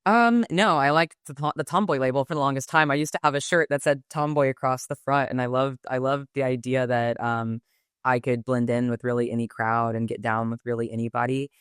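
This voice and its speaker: A podcast guest in her 20s from Texas, United States, speaks reflectively and articulately, leaning on "um" and "like" as she thinks. Her fairly low voice is smooth and resonant, steady in tone and fairly quick. It is recorded close and dry, with no echo.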